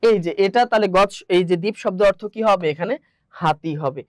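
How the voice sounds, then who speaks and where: A man's voice: high voice, fairly quick, no echo. A man with a Bangladeshi Bengali accent teaching an exam-prep grammar lesson, asking rhetorical questions and repeating the answers.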